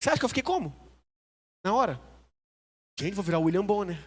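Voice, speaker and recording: A man with a Brazilian Portuguese accent, a pastor preaching a sermon in a church hall, telling stories in an animated, humorous, self-mocking way. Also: sits high, fast talker, breathy edge. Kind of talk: storytelling sermon.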